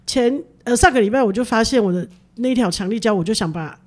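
A woman's voice: fairly high pitch, animated, fast talker. A woman with a Taiwanese accent, a chat show co-host telling stories in a casual conversational way.

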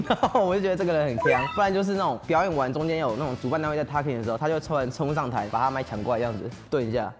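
A man's voice: a little high, very fast, few pauses. A man with a Taiwanese Mandarin accent, a rapper telling stories loosely in a casual interview, with laughs and swearing. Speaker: rapper guest. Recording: music bed under voice.

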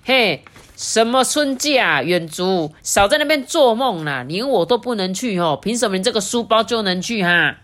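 A woman's voice: mid-range voice, animated, moderate pace, a bit bright, pitched above the performer's own voice, natural voice. A woman voicing a childish father in a storybook, whining and blustering like a sulky kid. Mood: indignant. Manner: whiny, pleading, then blustering. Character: childish grown man, a father who sulks and begs.

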